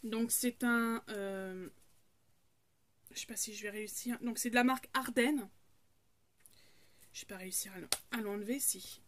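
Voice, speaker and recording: Woman in her 30s, casual haul vlogger, slightly high voice, rambling and friendly. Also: fairly even intonation, normal speed, long pauses, slight background noise. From France. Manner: chatty, many fillers and restarts.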